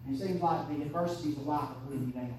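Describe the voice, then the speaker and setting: A woman, preaching an impassioned sermon that swings between hushed and shouted. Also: low voice, very fast. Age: 30s. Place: church sanctuary. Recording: echoey church from far off.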